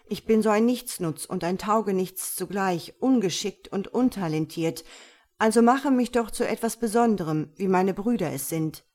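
A woman voicing a humble, unlucky young man, speaking loudly and emotionally in a storybook reading. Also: medium pitch, normal speed, lightly acted. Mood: pleading.

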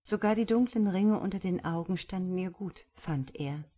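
A woman reads a story aloud in a measured way, her voice sitting slightly low. She narrates between the characters' lines. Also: mellow. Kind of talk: audiobook reading of a story.

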